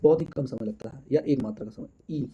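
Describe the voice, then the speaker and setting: A man's voice: medium pitch, brisk, dark tone, slight background noise. A man teaching an exam-prep lesson, counting out answers aloud and calling his viewers friends.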